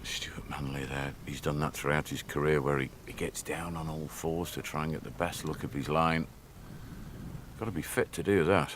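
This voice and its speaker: A man's voice: extremely low pitch, fairly even intonation, moderate pace, fairly bright tone, slight background noise. A man giving live golf commentary in a conversational, observational way.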